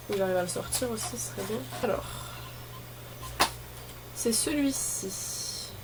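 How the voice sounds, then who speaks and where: A woman vlogger chatting casually and informally, thinking aloud as she goes. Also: fairly high pitch. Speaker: beauty vlogger. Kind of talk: casual chat while opening advent calendars. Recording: clearly noisy, ambient background noise.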